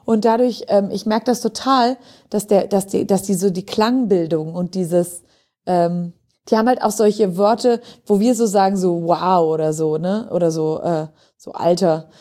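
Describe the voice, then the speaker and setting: A woman guest in a casual podcast chat, lively, laughing often and correcting herself mid-sentence. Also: mid-range voice, moderate pace. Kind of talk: casual conversation. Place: recorded in Stockholm.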